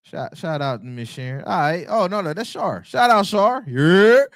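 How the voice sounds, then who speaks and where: A man in his twenties giving casual, animated commentary on a livestream, slangy and quick to laugh. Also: high-pitched, dry recording, clean studio sound. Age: 20s. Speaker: livestream host.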